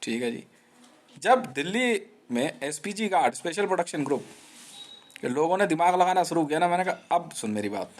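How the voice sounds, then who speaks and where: A man with a fairly high voice talks on and on in a rambling live monologue. He jabs at his listeners with taunting slang. He keeps circling back and repeating himself. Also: lively intonation, normal speed. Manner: restless, repeats himself and restarts. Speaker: live streamer.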